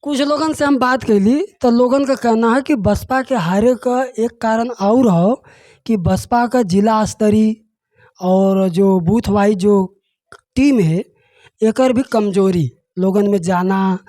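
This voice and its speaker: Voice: medium pitch, takes it slowly, warm tone, no echo. Bhojpuri-speaking interviewer, long winding questions. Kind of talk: casual political interview questions.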